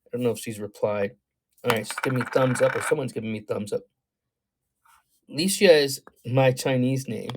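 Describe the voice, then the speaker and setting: This astrology livestreamer has a medium-pitched male voice at normal speed, pausing often, with a little hiss or hum in the recording. He reads viewers' messages aloud and reacts, rambling thoughtfully with plenty of ums and you-knows.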